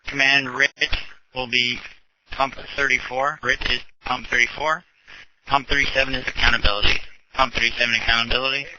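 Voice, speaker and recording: A man relays calls over a two-way radio, brisk, repeating each message. The sound is dull and lo-fi, with a clear hiss behind it and a middle pitch. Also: level tone. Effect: heard over a two-way radio. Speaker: fire dispatcher.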